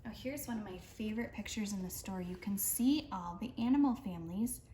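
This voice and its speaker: Her mid-range voice is warm, animated, and fairly quick as she reads a rhyming book aloud to preschool children with lots of expression. She's a storyteller for little ones, heard in a roomy recording with slight background noise.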